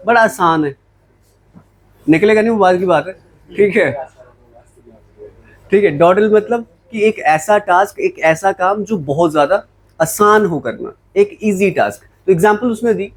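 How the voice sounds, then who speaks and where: A man's voice: high voice, rough recording. A man teaching English words in a classroom lecture, mixing Hindi with English and asking and answering his own questions. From Jammu, India.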